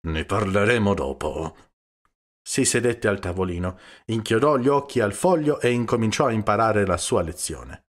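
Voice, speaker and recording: A man reading a novel aloud as an audiobook, with steady, measured storytelling. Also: lowish voice. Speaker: audiobook reader. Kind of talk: audiobook narration.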